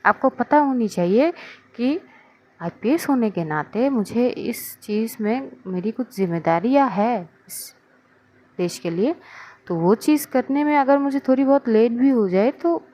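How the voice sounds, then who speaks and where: Woman doing young policewoman, calm, soothing, teasing, lower voice. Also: a little slow. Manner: soothing, teasing, low-key.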